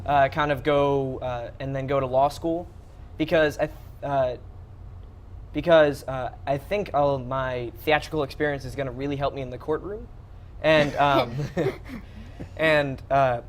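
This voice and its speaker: A man's voice: medium pitch, unhurried, a little hiss or hum. A young man in his late teens answering interview questions, hesitant and full of fillers. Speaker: interview guest. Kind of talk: casual interview.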